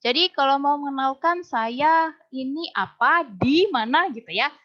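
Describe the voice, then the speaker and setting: A woman teaching a language class, patiently repeating words slowly for her students. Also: high voice, lively intonation. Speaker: Mandarin teacher. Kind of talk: online Mandarin lesson in Indonesian. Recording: dull lo-fi recording.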